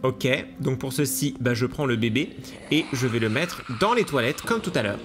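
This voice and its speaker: A man commentating a video game to his viewers, excitable and laughing often, with hiccups. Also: medium pitch, moderate pace, music in the background. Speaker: gaming YouTuber. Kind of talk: let's play commentary.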